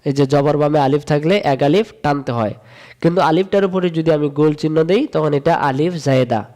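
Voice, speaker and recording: A man from Bangladesh, teaching a step-by-step recitation lesson, repeating rules in a sing-song chant and drawing sounds out slowly. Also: a little high, mellow. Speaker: Quran reading teacher.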